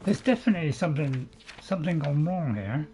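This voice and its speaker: A man's voice: fairly high pitch, lively intonation, a little fast, dark tone, a little hiss or hum. A man giving casual gameplay commentary in a hesitant, chatty, repetitive way. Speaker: game streamer.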